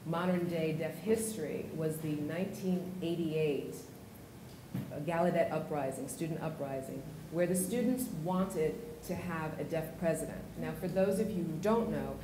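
A middle-aged woman moderating a panel, giving an introductory speech from a stage. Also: deep voice. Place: on stage in a large auditorium. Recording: echoey, noisy auditorium stage recording.

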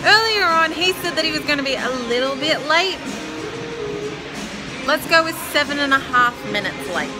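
A woman's voice: high-pitched, lively intonation, normal speed, low-quality recording. Teasing woman trainer, music behind. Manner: teasing, dry. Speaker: personal trainer. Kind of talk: casual banter on camera. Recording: gym music playing loudly behind.

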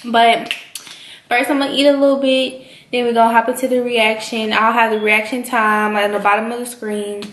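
A woman's voice: on the high side, flat delivery, normal speed, a bit bright, a little hiss or hum. Chatty young woman vlogger, echoey room. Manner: chatty and sassy, lots of "like" and "y'all". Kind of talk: casual chat mukbang.

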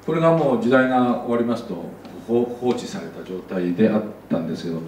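A man's voice: fairly low pitch, expressive, quick pace, a little mellow, reverberant, far from the mic, slight background noise, poor audio. A man giving a casual slide lecture as an architect, chatty, with many asides.

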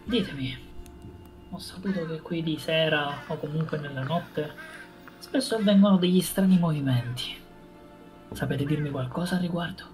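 A man playing a tabletop role-playing game, speaking casually and deliberately in character. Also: fairly high pitch, darkish tone, soft background music, rough recording. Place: indoor room, online group stream.

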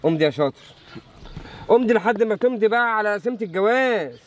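A man's voice: high-pitched, animated, fast. A man playing a cocky Egyptian brother-in-law. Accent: Egyptian Arabic. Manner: cocky, pushy and teasing. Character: scheming brother-in-law who bullies a suitor.

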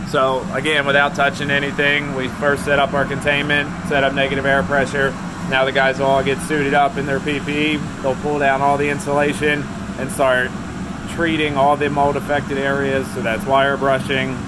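Indoors in a basement being renovated, a twenty-something operations manager for a remediation company films a casual work walkthrough on a phone held at arm's length. He explains things with plenty of fillers in a mid-range voice, over the loud hum of an air scrubber machine.

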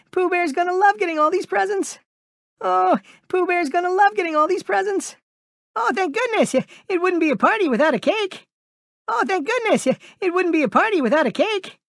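A tiny, timid cartoon piglet, with an extremely high voice that swings up and down. He is polite and kindly but fretful, stammering and hesitating through his words. The sound is dry and close, like a video game character clip. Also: creaky, a bit bright, dry recording, heavily acted. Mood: excited, delighted. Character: Piglet, small timid, anxious, kindly male piglet.

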